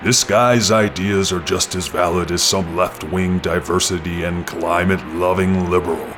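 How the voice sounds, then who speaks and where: A man voices a low-pitched announcer for a mock campaign ad, delivering it in an emphatic, salesy way. A faint music bed runs under his voice. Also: steady tone, normal speed, lightly acted. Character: male announcer of a mock political ad.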